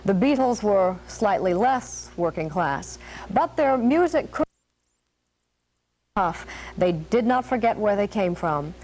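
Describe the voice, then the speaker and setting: A woman's voice: mid-range voice, animated, slow pace, darkish tone, poor audio. A woman narrating a scripted news feature as anchor, polished and storytelling.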